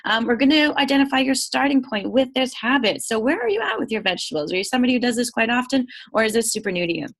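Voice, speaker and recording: A woman's voice: fairly high pitch, lively intonation, fast, hardly any pauses. A woman in her thirties coaches a group over a computer microphone. Her voice is nasal and stuffed up from a cold. She talks in a chatty, upbeat way, filling gaps with ums and uhs. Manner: chatty, upbeat, many fillers. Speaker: nutrition coach. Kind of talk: online training session.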